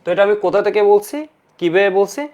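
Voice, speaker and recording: Fast-talking man teaching chemistry. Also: sits high, little pitch movement, darkish tone, slight background noise. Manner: asks questions and answers them himself, repeats key terms; mixes English terms into his speech. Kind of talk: online lecture to students.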